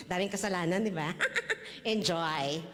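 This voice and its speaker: Speaking in a large hall, a Filipino church testimony speaker recounts her faith journey in a relaxed, talkative way, laughing a lot and adding tag questions. She comes from the Philippines and has a Filipino accent. Her voice sits on the low side, slow and a bit bright.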